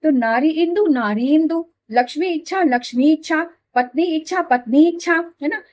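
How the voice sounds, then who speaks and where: A middle-aged woman teaching Hindi grammar in a patient classroom manner, slowly repeating examples and checking that students follow. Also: sits high, a little mellow. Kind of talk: classroom explanation.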